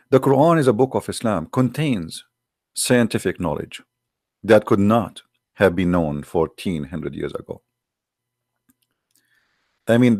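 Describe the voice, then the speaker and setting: A man's voice: low voice, creaky, darkish tone, no room sound, studio quality. A man hosting a livestream, talking in a sarcastic, mocking way. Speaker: online show host. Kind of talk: livestream commentary.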